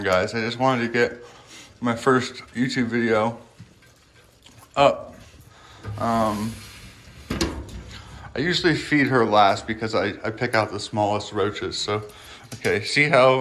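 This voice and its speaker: A man filming himself on a handheld phone camera in a pet room at home, chatting casually and coaching his lizards with a high, coaxing voice. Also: fairly even intonation, measured pace, pauses often, fairly bright tone. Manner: chatty, filler-heavy, coaxing pets in a high sing-song voice. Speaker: reptile keeper filming his pets. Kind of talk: casual vlog narration.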